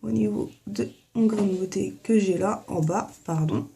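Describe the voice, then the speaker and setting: Talking casually through a hair and makeup tutorial from her bathroom, a young beauty vlogger fills her speech with fillers and plenty of "en fait". Her mid-range voice has vocal fry and a mellow quality, and she speaks at normal speed into a phone headset mic.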